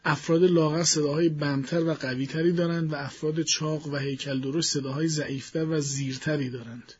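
A man being interviewed as a voice expert in a studio, explaining his views in a measured way and thinking aloud as he goes. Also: fairly high pitch, steady tone, darkish tone, husky, muffled recording. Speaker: guest voice expert.

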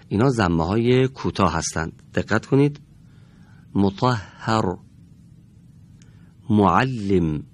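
Low-voiced man teaching Quran reading. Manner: slow, patient, carefully models and corrects pronunciation. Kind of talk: radio Quran reading lesson. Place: radio studio.

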